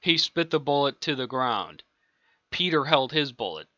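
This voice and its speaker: An amateur narrator improvises his own audiobook story in a casual, rambling way, chuckling between lines. His mid-range voice is sharp and sing-song at a normal speed, and it's a dry, dull, lo-fi home recording.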